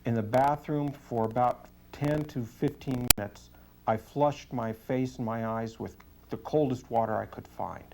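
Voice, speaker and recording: A man speaking as a police sergeant giving a testimonial in an interview, earnest, deliberate and matter-of-fact. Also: mid-range voice, gravelly, a little mellow, a little hiss or hum.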